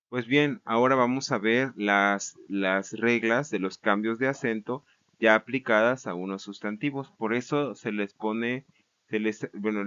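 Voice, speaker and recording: A man's voice: mid-range voice, lo-fi sound. A man giving a recorded grammar lecture, explaining patiently, repeating words and checking in with the class as he goes. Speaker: Greek grammar teacher.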